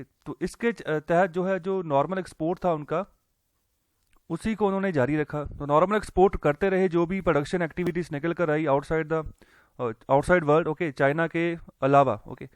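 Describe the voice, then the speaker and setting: A man's voice: on the high side, clean tone, no room sound. A man teaching economics in a casual lecture, walking through a newspaper editorial in a conversational way, with lots of fillers and English terms mixed in.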